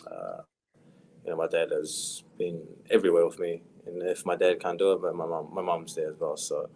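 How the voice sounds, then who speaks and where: A young man from New Zealand with a New Zealand accent, a footballer chatting casually in a podcast interview, soft-spoken with a voice that trails off quietly. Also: low-pitched, normal speed, a little hiss or hum. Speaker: professional footballer guest.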